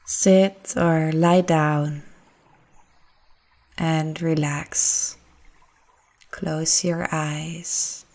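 Speaking in a low voice, a woman leads a guided meditation, very slow and soothing, leaving long pauses between phrases. Her intonation remains gentle and flat, never hurried.

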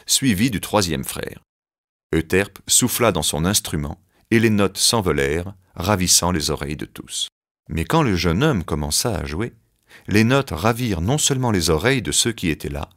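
A man reads a children's story aloud with a very deep voice. His pitch rises and falls a great deal as he paints each scene, in scripted, expressive storybook narration.

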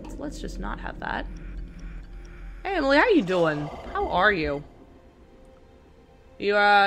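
A woman's voice: mid-range voice, bright, forceful tone. A young woman doing let's-play commentary, sarcastic, swearing and talking back to the game characters. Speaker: gaming channel host.

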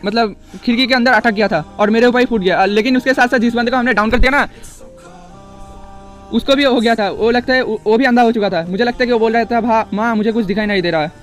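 A young man giving excitable, casual commentary over gameplay, repeating words in rapid bursts. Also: very high voice, faint music behind. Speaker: gaming YouTuber.

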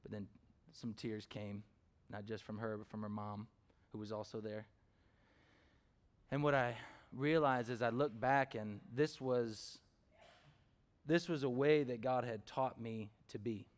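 A man preaching in an easy, conversational way, mid-pitched voice, drifting into personal stories and tossing questions out to the congregation. he talks with plenty of fillers, like chatting with the room from the pulpit. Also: steady tone, a little slow. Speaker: pastor. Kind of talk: sermon with personal storytelling.

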